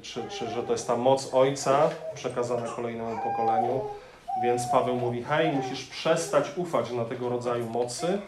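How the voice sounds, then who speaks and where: A man preaching a sermon, lively and emphatic, often addressing the listeners directly. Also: medium pitch. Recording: echoey room, faint noise.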